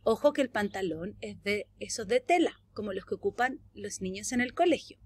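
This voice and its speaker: Lively Chilean woman teaching young kids. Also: husky, dry recording. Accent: Chilean Spanish. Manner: slow, drawn-out model phrases with lively pitch swings. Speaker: English teacher. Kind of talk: virtual classroom lesson for young children.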